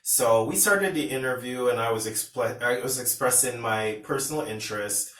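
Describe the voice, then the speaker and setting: A Pennsylvania man vlogging to camera shares a personal story casually, wandering off track, restarting, and retelling dialogue. His voice is mid-range and a bit bright, at a moderate pace, and the recording is roomy with the mic far away.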